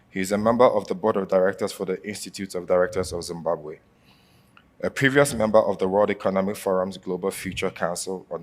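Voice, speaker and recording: A man from Africa moderating a panel, reading formal introductions with a joking touch. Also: low-pitched. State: coughing from allergies.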